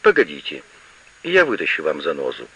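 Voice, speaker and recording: A cheerful young woman, brisk and teasing, who is not afraid of anyone, as a male reader puts her on. The tone is bright with a husky edge and lively pitch. It plays on a muffled lo-fi radio recording. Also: exaggerated voice.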